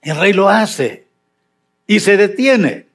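An older man preaching a sermon as pastor, reading scripture and then commenting on it with dramatic swings between loud emphasis and quiet asides. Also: high-pitched, very animated, takes it slowly.

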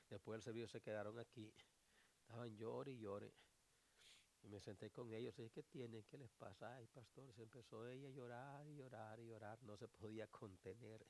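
Man, pastor, church sermon, low voice, unhurried delivery, quiet to shouting. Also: creaky, a little hiss or hum. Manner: swings from low murmur to shouted exhortation. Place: church sanctuary.

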